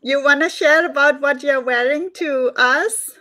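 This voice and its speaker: A woman's voice: high voice, unhurried, sharp tone, no room sound. A middle-aged woman hosting an online interview show, speaking with a smile into a headset on a video call. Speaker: show host. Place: small room indoors.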